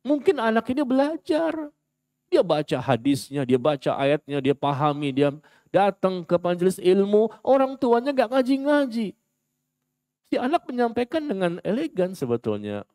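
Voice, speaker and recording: A man giving a sermon in a mosque, lively and theatrical, acting out quoted voices and asking the congregation questions. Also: sits high, moderate pace, no echo, clean studio sound. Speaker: preacher.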